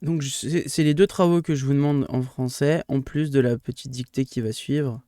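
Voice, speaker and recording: Hesitant French male schoolteacher, mellow. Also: medium pitch, steady tone, normal speed, no echo, clean studio sound. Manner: hesitant, many fillers and restarts, livelier when explaining rules. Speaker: primary school teacher. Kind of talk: recorded remote lesson for pupils.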